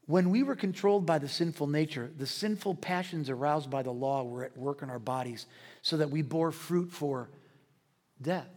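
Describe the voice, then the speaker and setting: Pastor guy preaching, kinda husky, big hall echo, gets loud then drops to almost a whisper. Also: a little high, normal speed. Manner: swings from loud preaching to hushed near-whispers. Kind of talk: sermon. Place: church sanctuary. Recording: long hall reverb.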